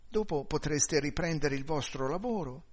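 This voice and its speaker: Man putting on a soft grieving housewife. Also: on the high side, expressive, normal speed, pitched above the performer's own voice. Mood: gracious. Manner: gentle, pleading and courteous.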